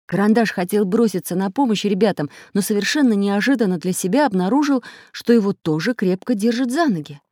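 A narrator reading a children's storybook aloud in a steady, expressive way. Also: mid-range voice, a little fast, hardly any pauses, no room sound, clean studio sound. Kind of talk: audiobook narration.

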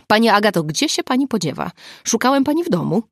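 A woman's voice: on the low side, normal speed, no room sound, lightly acted. A woman reading the lines of a male police officer who talks in a dry, matter-of-fact, ironic way. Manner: reproachful, dryly ironic.

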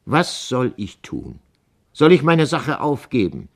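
A man's voice: mid-range voice, huge pitch swings, takes it slowly, vocal fry, full character voice. A man reading the part of a determined horse dealer who speaks to his wife firmly but tenderly in a storybook reading. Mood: earnest. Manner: firm, earnest, gently persuasive.

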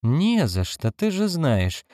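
Give me a man playing a nervous, whiny woman in an audiobook, high and soft. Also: big pitch swings, slow, no room sound, studio quality. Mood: flustered. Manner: whiny, flustered. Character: nervous, tearful adult woman, friend and host. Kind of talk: audiobook reading.

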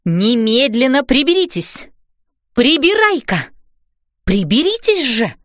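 A flustered fairy mother from a storybook scolds her kitchen things in a high, lively voice, as a woman narrator puts her on. She sounds exasperated and bossy at once, and the recording is close and dry. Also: takes it slowly, no echo, heavily acted. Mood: commanding.

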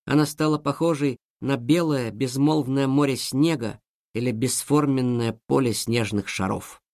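A man narrating a children's story in a lively, expressive way. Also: medium pitch, a little slow, no room sound, studio quality.

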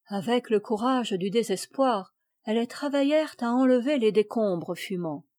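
A woman audiobook narrator reading a classic children's tale in a measured, expressive way. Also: on the high side. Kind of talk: scripted narration.

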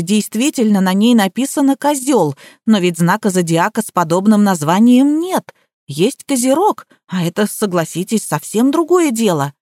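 A woman's voice: medium pitch, darkish tone, dry recording, studio quality. A woman narrating an audiobook in the first person with a wry, ironic manner.

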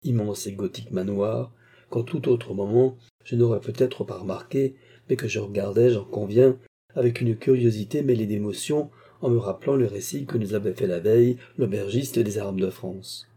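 A man reading a classic short story aloud as an audiobook narrator, measured and even. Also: on the low side, husky. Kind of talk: scripted narration of classic fiction.

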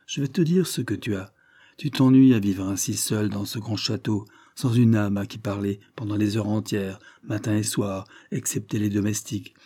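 A man voicing a chattering young woman, a lord's sister, with a twittering little voice that gushes on without pause. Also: fairly low pitch, steady tone, dark tone, husky. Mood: scolding.

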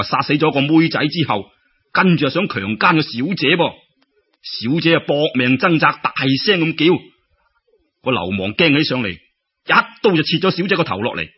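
A man with a Cantonese accent tells a folk tale in a dramatic, theatrical way, using colloquial speech and plenty of exclamations. His voice is medium in pitch with a breathy edge, and the recording sounds muffled.

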